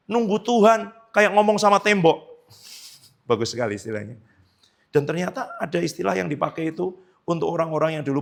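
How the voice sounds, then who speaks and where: A man's voice: a little high, vocal fry. A middle-aged man preaching a sermon as pastor, conversational, acting out quoted dialogue and using tag questions.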